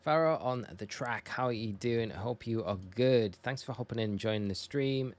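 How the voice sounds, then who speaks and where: A live game streamer from northeast England chats casually and informally with viewers in a northern English accent. His voice is at medium pitch, and he talks at a moderate pace while gaming.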